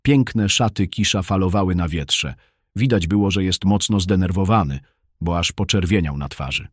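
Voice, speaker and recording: Deep-voiced man narrating a story. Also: moderate pace, no room sound, clean studio sound.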